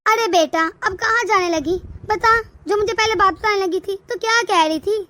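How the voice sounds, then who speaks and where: A woman's voice: extremely high pitch, moderate pace, sharp tone, no room sound. A woman voicing a stern, lecturing middle-aged mother-in-law in a cartoon. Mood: coaxing. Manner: lecturing, scolding. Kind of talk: cartoon voice acting.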